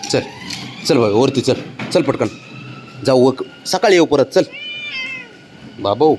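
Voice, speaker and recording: A man coaxing and pleading with his pet cat in a casual, affectionate pet-talk voice, his calls often rising high and sing-song, recorded outdoors. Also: animated, slow, darkish tone, a little hiss or hum. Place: outdoors below his home.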